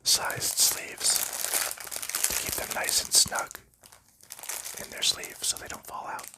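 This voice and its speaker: Close to the mic, a man hosting an ASMR video whispers breathily through an unboxing. He takes it slowly, explaining each thing softly and patiently.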